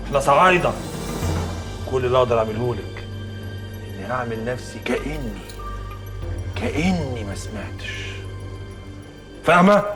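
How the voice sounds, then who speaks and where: An actor plays a mocking, threatening Egyptian market boss who talks fast, switching between sarcasm and quiet menace. His voice sits at a middle pitch over dramatic score. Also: expressive, over music, lightly acted. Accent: Egyptian Arabic. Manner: sarcastic, commanding. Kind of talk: TV drama acting.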